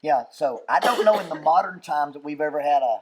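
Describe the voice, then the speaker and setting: A man telling lively anecdotes in a casual podcast chat. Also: a little high, a crowd in the background, low-quality recording. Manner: animated, quick anecdotes. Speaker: skit performer on a podcast.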